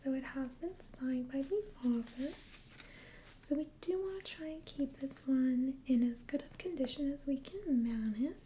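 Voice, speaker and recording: ASMR role-play, soft female librarian. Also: sits high, normal speed, slight background noise. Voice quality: soft library soft voice, breathy and unvoiced. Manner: gentle, hesitant, conversational. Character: friendly, chatty female librarian recommending books.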